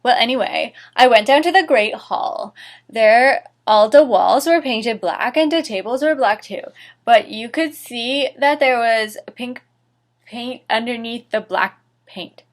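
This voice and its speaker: This woman's voice is fairly high and unhurried. As the host and reader of a series, she dramatically reads fan fiction aloud, sarcastic and theatrical, peppering it with mocking remarks.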